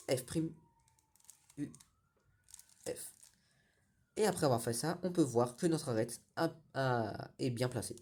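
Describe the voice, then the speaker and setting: A man's voice: on the high side, darkish tone, breathy edge. A young man giving a patient step-by-step tutorial, often correcting himself. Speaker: cubing tutorial host.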